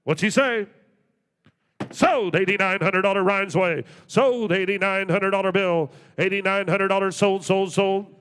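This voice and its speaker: A man's voice: high-pitched, fairly even intonation, normal speed, fairly bright tone, smooth, big-room sound. A man working as a live auctioneer, chanting numbers in a repetitive rhythmic patter with folksy asides. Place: large auction hall.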